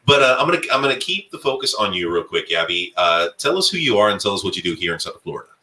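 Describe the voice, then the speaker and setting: A man's voice: lowish voice, sing-song, fast, sharp tone. A man hosting a casual talk show, joking and rambling, often laughing with his guests. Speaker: podcast host. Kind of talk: casual chat. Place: South Florida studio.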